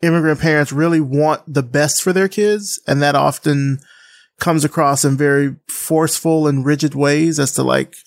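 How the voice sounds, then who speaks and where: A man from Alabama, hosting a podcast interview in a relaxed, hedging way with many fillers. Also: fairly high pitch, moderate pace, creaky, no room sound. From Alabama, USA. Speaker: podcast host. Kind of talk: casual interview conversation. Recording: dry close sound.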